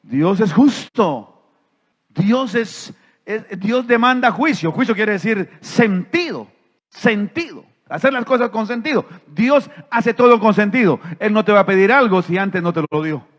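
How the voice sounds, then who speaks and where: A man preaching a sermon as pastor in a church, swinging between quiet, stretched-out phrases and emphatic, shouted declarations. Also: high voice, lively intonation, unhurried. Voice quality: impassioned preaching. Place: church sanctuary. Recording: church hall sound with dull, muffled tone.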